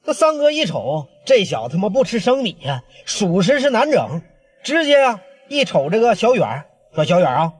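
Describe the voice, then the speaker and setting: A man's voice: high-pitched, sing-song, moderate pace, slightly rough. A male storyteller with a Northeastern Chinese accent telling gangland tales in a chatty, dialect-heavy way.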